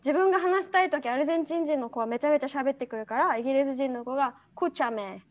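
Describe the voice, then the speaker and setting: Young woman, high voice, casual podcast chat, laughs often, lo-fi dull recording. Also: racing. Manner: laughs often, animated storytelling. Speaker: podcast co-host. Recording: dull lo-fi sound.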